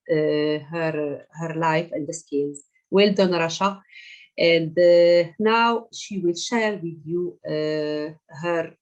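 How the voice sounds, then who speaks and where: A woman's voice: lowish voice, rough recording. A woman hosting an online class, talking hesitantly with many fillers over a video call. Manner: hesitant, filler-heavy, encouraging. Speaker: class organizer.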